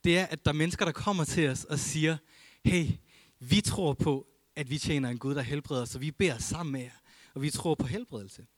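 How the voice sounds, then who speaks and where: A man preaching a sermon as a pastor, earnest, rising to emphasis and dropping to a hush, reading scripture aloud. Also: a little high, dry recording. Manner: earnest, swings between emphatic and hushed.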